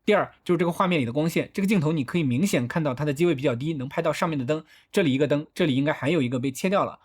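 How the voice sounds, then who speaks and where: A husky-voiced man narrates a film breakdown at a brisk clip, his voice sitting a little high. He works through each shot step by step, methodically explaining what the director is doing. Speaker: film analysis host.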